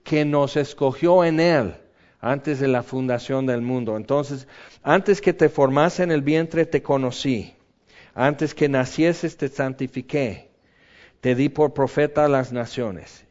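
A man preaching a sermon in an animated way, acting out quotes with sudden high yelps. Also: slow pace. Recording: dull lo-fi recording.

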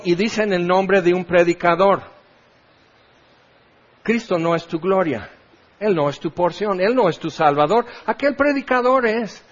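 Full of rhetorical questions, an impassioned sermon comes from a middle-aged pastor who speaks with a Mexican accent and a high voice. The recording is dull and lo-fi.

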